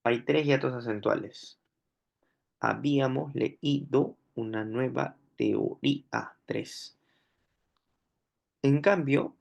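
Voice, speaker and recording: A man with a Peruvian Spanish accent teaching a grammar lesson, slow and deliberate, repeating each example word aloud. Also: medium pitch, vocal fry. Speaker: language teacher.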